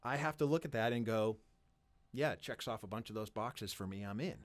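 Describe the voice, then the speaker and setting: Podcast guest, man from New England, low voice, blunt and emphatic. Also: brisk, no room sound. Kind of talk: casual chat.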